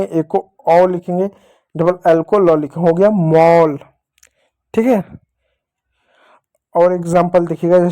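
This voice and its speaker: A man's voice: sits high, mellow. A man teaching English phonics to children, asking and answering his own questions as he goes. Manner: repetitive question-and-answer explaining, addresses pupils as dear children. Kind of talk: classroom-style phonics lesson.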